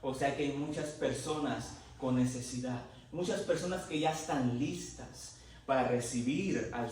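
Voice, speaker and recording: A married adult man serving as a lay preacher delivers a Pentecostal-style sermon in a church sanctuary, sharing his personal testimony with impassioned, emotional conviction. His voice is medium-pitched and darkish, picked up by a distant mic in a very echoey church hall.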